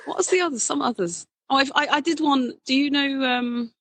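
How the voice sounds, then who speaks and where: A woman drag king performer chatting casually in an interview, animated and quick to laugh, often restarting her sentences. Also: sits high, no room sound, rough recording.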